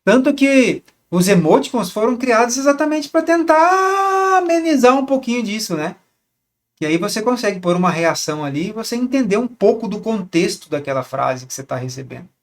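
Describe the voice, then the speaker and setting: Speaking briskly and expressively, a man with a fairly high voice coaches on relationships, laying out in a casual monologue how couples ought to communicate. Rhetorical questions to his audience recur, as does repeating a word while he hunts for what comes next.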